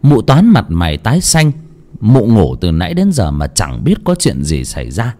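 Expressive low-voiced male horror narrator. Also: moderate pace. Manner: expressive, sweeping pitch. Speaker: storyteller.

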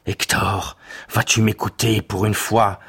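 A man's voice: fairly low pitch, little pitch movement, takes it slowly, fairly bright tone, breathy edge, voice pushed up, heavily acted. A man voicing an angry male Trojan warrior who urgently pleads for a plan.

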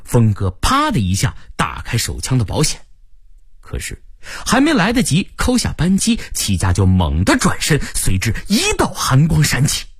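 A man tells a tense first-person tale in a husky voice, his pitch leaping and dropping all over to build suspense. The sound is dry and close. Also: huge pitch swings, moderate pace, no echo. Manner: vivid, suspense-building delivery. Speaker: storyteller. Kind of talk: dramatic first-person story narration.

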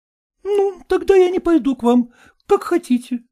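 A man doing a tearful young woman, high and pleading. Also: lively intonation, normal speed, warm tone.

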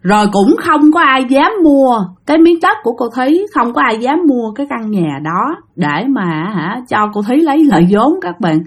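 Chatting directly to her audience, a Southern Vietnamese-accented woman spins a ghost story and performs the different voices herself. She sounds a little high and breathy, with big pitch swings, a moderate pace, and few pauses.

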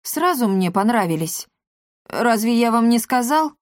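A woman voicing a hot-tempered male cat pilot who shouts threats. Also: a little high, animated, measured pace, dry recording, clean studio sound. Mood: grudging.

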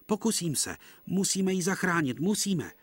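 An eager, cheerful little tank engine, voiced by a man, in a children's TV cartoon. He pipes up high and lively, with bright, excited exclamations. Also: breathy edge, no echo, exaggerated voice.

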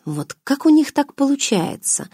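A woman's voice: mid-range voice, very animated, moderate pace, no echo, clean studio sound, pitched above the performer's own voice. Woman reading as a snappy young woman. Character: sharp-tongued young woman, bossy and wary.

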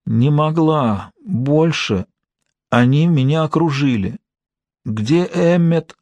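A man reading an audiobook, voicing a badly injured woman who speaks faintly and slowly between wheezes. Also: high voice, lively intonation, no echo, voice pushed up. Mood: weak. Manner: slow, faint and rasping. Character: dying woman, weak and delirious. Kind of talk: audiobook character voice. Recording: dry studio sound.

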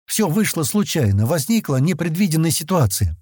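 A terse, suspicious space hunter fires off blunt questions, voiced by a man reading an audiobook. The tone is mellow with lively pitch, and the recording is dry and close. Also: moderate pace, breathy edge, dry recording.

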